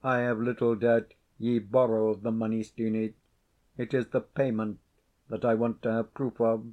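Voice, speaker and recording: A man voicing a stern, suspicious laird who speaks in a cold, measured, menacing way. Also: lowish voice, little pitch movement, phone-quality sound, lightly acted.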